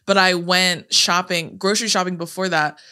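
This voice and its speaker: A young woman talks in a casual, unfiltered way as a podcast co-host. She swears freely and tells stories bluntly. Her voice sits a touch low for a woman but comes out bright and forceful. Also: steady tone, moderate pace, clear, resonant tone. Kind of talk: casual chat.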